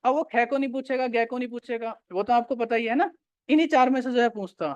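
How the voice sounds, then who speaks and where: A man's voice: very high-pitched, fast, darkish tone, no echo, highs cut off. A male teacher giving a classroom grammar lecture, repeating key points and quizzing his students.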